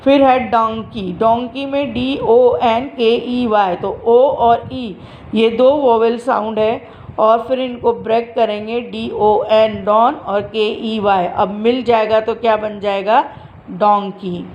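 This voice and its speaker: A woman teacher with a fairly high voice who talks slowly and patiently and spells words out letter by letter. She asks questions and then answers them herself. The recording sounds dull and lo-fi, with faint noise behind her. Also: steady tone. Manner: slow, explains step by step, spells out words letter by letter. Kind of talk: textbook lesson explanation.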